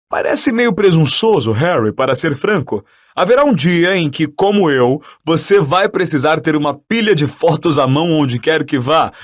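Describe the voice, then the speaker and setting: Guy reading a pompous show-off professor, jolly and patronizing, big swoopy delivery. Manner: booming, patronizing, self-important. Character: vain jovial pompous male professor. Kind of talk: audiobook character voice.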